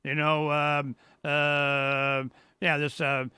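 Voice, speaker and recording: A middle-aged man hosting his own show, walking viewers through a website in a loose, rambling way and exclaiming "boom" often. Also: completely flat delivery, extremely slow, sharp tone, clean tone, no room sound, studio quality. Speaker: radio show host. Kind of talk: casual live-stream walkthrough. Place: home studio.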